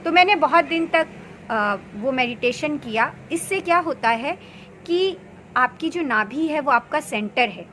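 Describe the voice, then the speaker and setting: Woman, 30s, earnest and unhurried, high pitch; recorded with noticeable background noise. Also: expressive, fairly bright tone. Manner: earnest, unhurried, with many pauses and fillers. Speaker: meditation practitioner. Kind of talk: casual spoken advice.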